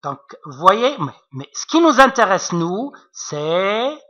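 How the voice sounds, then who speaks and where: In a slow, patient classroom explanation, a male French literature teacher whose first language is Arabic walks students through French poetry, repeating himself and checking understanding with frequent asides. He speaks with an Arabic accent in a high, bright, forceful voice with wide pitch swings, and the recording's highs are cut off.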